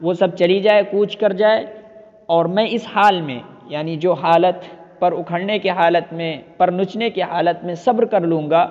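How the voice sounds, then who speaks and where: High-voiced man teaching Arabic text. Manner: reads an Arabic phrase, then explains it repeatedly with synonyms. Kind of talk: line-by-line Arabic text translation lesson. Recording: dull lo-fi audio with long reverb.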